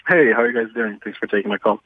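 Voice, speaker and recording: A man's voice: lowish voice, rapid-fire, dry recording. A man in his twenties calling in to a radio show over a phone line, talking earnestly in a rambling way with restarts. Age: 20s. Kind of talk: casual call-in comments. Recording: tinny dry phone line.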